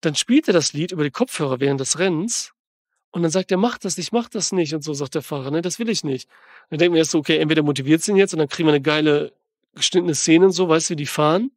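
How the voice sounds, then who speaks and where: A man hosting a film podcast, rambling excitedly and slangily as he retells and tears apart a movie in casual chat. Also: fairly high pitch, rapid-fire, no room sound, studio quality.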